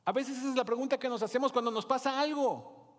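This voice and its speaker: A man's voice: very high voice, fast talker. A man preaching a sermon as pastor, with rising emphasis and calls to the congregation. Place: church hall. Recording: long hall reverb.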